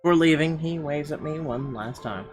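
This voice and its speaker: A game streamer narrates a visual novel in a let's play, reading the text aloud expressively with small stumbles and asides. His voice is fairly high and moderately paced, with game music playing behind him.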